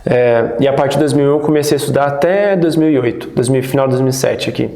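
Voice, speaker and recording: A man in his thirties, born in the United States, recalling his childhood as a guest in a relaxed, rambling interview. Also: medium pitch, quick pace. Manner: relaxed, rambling, many restarts. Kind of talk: casual interview storytelling. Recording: roomy echo.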